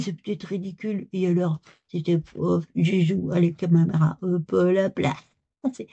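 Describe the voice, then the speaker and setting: A woman's voice: medium pitch, warm tone, breathy edge. A woman doing a giggly childlike clown girl. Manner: giggly, rambling, playful. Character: playful childlike female clown, giggly and silly.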